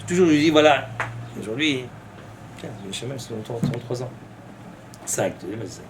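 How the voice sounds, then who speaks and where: A man's voice: mid-range voice, lively intonation, normal speed, vocal fry, very noisy. A man, a rabbi, giving an impassioned sermon, breaking into fervent rhetorical questions and mixing in Hebrew terms. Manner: mixes Hebrew terms into his speech.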